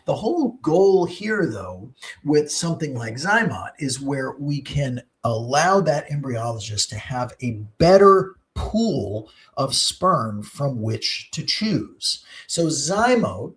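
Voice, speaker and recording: A man's voice: medium pitch, big pitch swings, slow pace, a bit bright. A middle-aged man, a fertility doctor hosting a live question-and-answer stream, explaining things in a chatty way with many ums and uhs.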